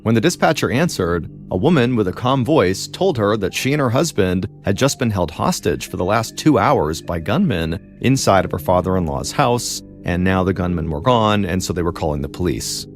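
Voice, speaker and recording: A man hosting a podcast, telling a true crime story in a measured, dramatic way with pauses. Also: deep voice, lively intonation, faint music behind. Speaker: podcast host and narrator.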